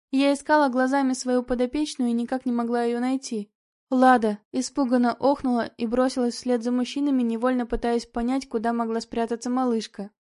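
A woman narrating a novel in the first person, in a steady, expressive reading. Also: a little high. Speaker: audiobook narrator.

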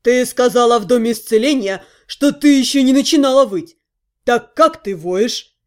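A woman voicing a blunt, sardonic male half-gnome who talks in a gruff, dry way. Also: very high-pitched, lively intonation, normal speed. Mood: puzzled. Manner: gruff, dry and matter-of-fact.

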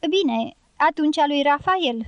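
A woman reading the part of a reserved young male dynamiter in an audiobook, in plain, measured speech. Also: high voice, expressive, dry recording, highs cut off.

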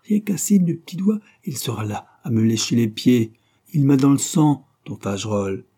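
A man reading an audiobook, voicing a brash, fiery young courtesan with sharp, taunting outbursts. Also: mid-range voice, lively intonation, normal speed, slightly rough, pitched above the performer's own voice.

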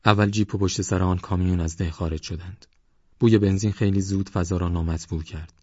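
A man narrating a novel as an audiobook in a measured, even storytelling manner. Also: sits low, breathy edge, no echo, dull audio. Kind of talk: scripted narration.

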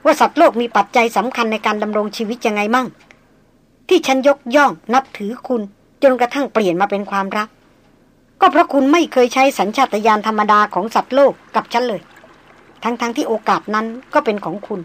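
A woman reading the part of a refined, self-assured young woman doctor, speaking slowly and deliberately. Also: fairly high pitch, natural voice. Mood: musing. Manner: slow, measured, deliberate. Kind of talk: audiobook character reading.

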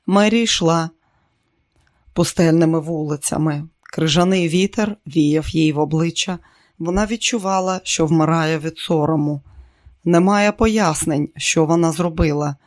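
An audiobook narrator reading a novel in a steady, even voice. The pitch sits in an unremarkable middle range, and the reading moves along evenly. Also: unhurried, no echo, clean studio sound.

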